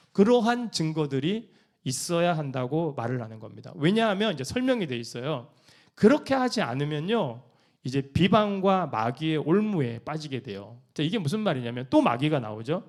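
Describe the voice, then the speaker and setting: A man preaching a sermon as a pastor, animated and acting out quoted church members. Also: fairly high pitch.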